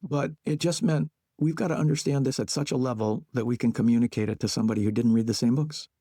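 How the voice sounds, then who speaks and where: Male guest, playwright-educator type; gravelly, mellow voice; unhurried, reflective interview talk in short thought-out phrases. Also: mid-range voice, dry recording, studio quality. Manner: thinks aloud in short measured phrases.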